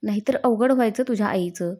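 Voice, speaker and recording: A woman voicing a sharp-tongued, blunt old grandmother. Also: medium pitch, fast talker, lightly acted. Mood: wry. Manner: blunt, wry.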